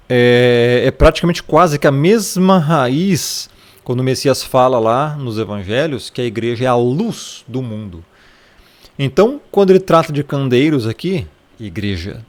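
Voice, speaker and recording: A Brazilian-accented man talks through a Bible passage in a relaxed, conversational lesson. His voice sits at an ordinary middle pitch. He keeps checking in with the listener and pointing at words in the text as he explains them. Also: slow. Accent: Brazilian Portuguese. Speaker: Bible teacher. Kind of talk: casual Bible study lesson.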